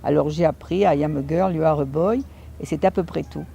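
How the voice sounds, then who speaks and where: A woman recounts her own life in a lively anecdotal telling, now and then acting out the lines of the people in her story. Her voice is gravelly and dark in tone. A faint hum of noise sits behind her. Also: low voice, a little fast. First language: Italian and French. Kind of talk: personal storytelling talk.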